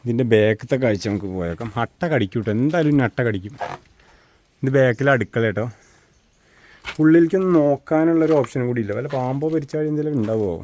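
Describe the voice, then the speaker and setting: A man's voice: medium pitch, fast, darkish tone. Malayali man vlogging outdoors, noisy background, English-laced slang. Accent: Kerala Malayalam. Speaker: vlogger giving a walking tour. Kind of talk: casual chatty walk-and-talk narration. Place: outdoors in hilly countryside. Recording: outdoor rural recording with clear background noise.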